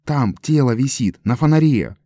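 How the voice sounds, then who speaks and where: A man voicing a frightened shopkeeper who shouts in panic and then speaks wearily, in an audiobook. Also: low voice, measured pace, dry recording. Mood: frantic. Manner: frantic shouting, then weary.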